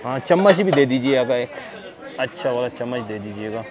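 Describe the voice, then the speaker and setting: At a crowded outdoor market, a man vlogs his shopping trip, chatting and haggling playfully with the sellers. His medium-pitched voice is animated and moves at a normal speed in this casual shopping vlog.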